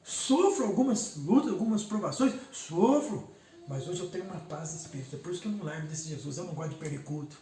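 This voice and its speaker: A man's voice: high voice, expressive, quick pace, warm tone. Emphatic man, distant and echoey. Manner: emphatic, repeats words for weight. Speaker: pastor giving his testimony. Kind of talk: emotional personal testimony. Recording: roomy echo, distant mic, faint background noise.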